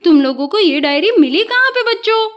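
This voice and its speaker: A woman voicing a kind old grandmother who scolds gently but lovingly in a children's doll story. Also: very high-pitched, expressive, a little fast. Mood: surprised, scolding.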